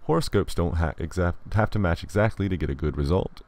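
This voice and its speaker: A man's voice: low voice, fairly quick, darkish tone. A man hosting a game playthrough, talking through his choices with dry, sarcastic asides. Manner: reads game dialogue aloud in playful voices. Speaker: let's play host. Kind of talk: game commentary.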